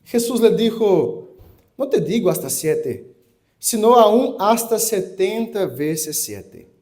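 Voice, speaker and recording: High-voiced, slow-speaking pastor preaching. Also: male voice, sing-song, darkish tone. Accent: Chilean Spanish. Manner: deliberate, measured reading that moves into storytelling. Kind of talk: sermon with scripture reading.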